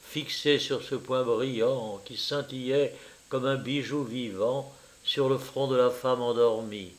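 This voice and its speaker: A man narrating a classic short story in the first person, in an unhurried, wry manner. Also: medium pitch, steady tone.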